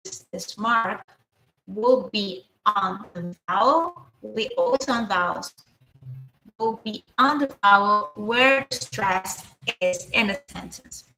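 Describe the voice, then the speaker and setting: A woman teaching an online language lesson, explaining slowly with many fillers and restarts into a computer microphone. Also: medium pitch, expressive, bright, forceful tone, reverberant, faint music behind. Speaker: Spanish teacher.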